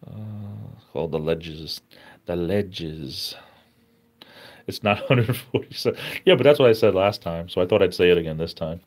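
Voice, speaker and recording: Reading out the chat on his casual live stream, a tired middle-aged man stays relaxed and talkative and is easily impressed. He has a deep voice and speaks at normal speed.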